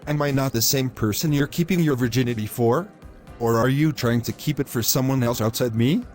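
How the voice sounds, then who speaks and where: In a scripted moral-story audio drama, a male actor voices a selfish young boyfriend who argues insistently in formal, wordy lines, sounding aggrieved as he keeps pushing his point. His pitch is average for a man, his pace brisk and his acting light, with soft music playing underneath.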